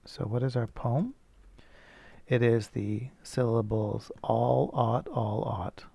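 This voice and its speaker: Gravelly man talking through code. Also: medium pitch, fairly even intonation, takes it slowly, warm tone, dry recording. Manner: thinking aloud, self-correcting, casual. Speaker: teacher. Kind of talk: screencast coding lesson.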